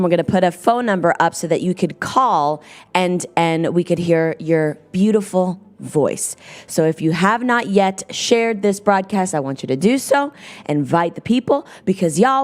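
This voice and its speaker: A woman's voice: on the low side, expressive, normal speed. A woman co-hosting a show, chatty and playful. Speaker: co-host. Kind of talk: casual show chat.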